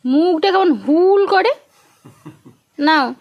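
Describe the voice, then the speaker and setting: A woman with a West Bengal Bengali accent, chatting casually in a home vlog. Her voice sits high. She coos and repeats words playfully as she talks to her little girl. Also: expressive, slow pace, highs cut off. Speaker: vlogger and mother. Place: village home.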